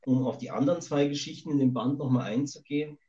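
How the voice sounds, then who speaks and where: A man with a mid-range voice speaks fast, with crowd noise audible. He's an author being interviewed on a remote podcast via a satellite call line that sounds dull and lo-fi, and he talks in a rambling, thoughtful way with many hesitations.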